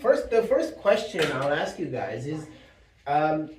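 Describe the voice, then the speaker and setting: A man's voice: fairly high pitch, very animated, a little slow, a crowd in the background. A man, a guest speaker, asking a group of children questions in a class with short friendly follow-ups. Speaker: guest speaker teaching kids. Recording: echoey room, far from mic.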